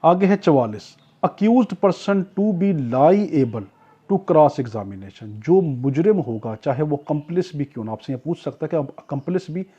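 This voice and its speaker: A man with a Pakistani accent teaches law in an explanatory lecture, acting out examples and posing questions he answers himself. His voice is on the high side, warm and a bit breathy, with lively intonation and a slow pace. The recording is dull, muffled, and lo-fi.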